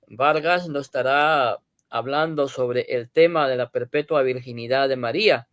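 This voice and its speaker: Slow-talking male pastor hosting. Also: fairly high pitch, no echo, studio quality. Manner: slow, filler-heavy, often says "este". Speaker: pastor and host. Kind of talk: live-stream religious talk.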